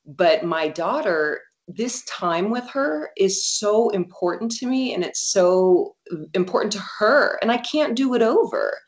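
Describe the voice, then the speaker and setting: A woman in her thirties from the United States, talking as an interview guest in an earnest, animated way with many fillers. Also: mid-range voice, unhurried. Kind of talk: casual interview chat.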